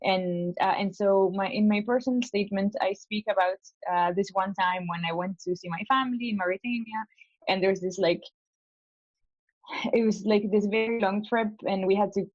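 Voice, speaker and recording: A woman's voice: medium pitch, normal speed, a little mellow, no room sound, muffled recording. A young woman from Spain, a law school applicant, talking hesitantly with many fillers in a casual coaching call. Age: young adult.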